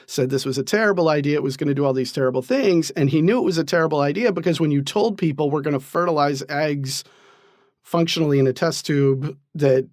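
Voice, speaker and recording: A man, a professor, explaining ideas in an interview with lively, laughing asides. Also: a little high, no room sound, clean studio sound. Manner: animated, laughs while explaining. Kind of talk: interview answers.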